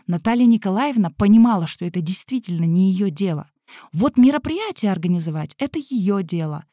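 Woman storyteller, mellow warm tone, wry ironic delivery, dry close recording. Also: medium pitch, no room sound. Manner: wry, ironic, deadpan asides. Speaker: school event organizer. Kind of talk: first-person humorous storytelling.

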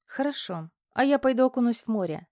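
A woman's voice: fairly high pitch, animated, brisk, darkish tone, no room sound, clean studio sound, pitched above the performer's own voice. A woman reading the part of a frightened eighteen-year-old woman, pleading and tense. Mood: shaken.

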